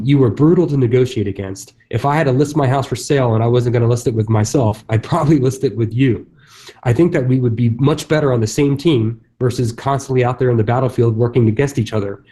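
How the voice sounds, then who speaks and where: A man who works as a real estate agent gives a casual conference stage talk, loose with fillers and restarts. His voice is medium in pitch with a dark tone.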